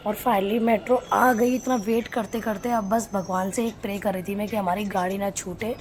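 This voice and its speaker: A woman's voice: medium pitch, steady tone, normal speed, darkish tone, slight background noise. A young woman from Agra, India, narrating her day in a chatty casual vlog and talking straight to her viewers. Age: young adult. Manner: chatty, addresses viewers directly. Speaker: vlogger.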